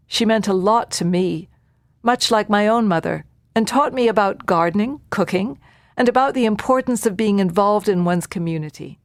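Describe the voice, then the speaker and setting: A woman narrating a true-life account in a measured, reflective way. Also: medium pitch, no room sound, clean studio sound. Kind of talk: documentary narration.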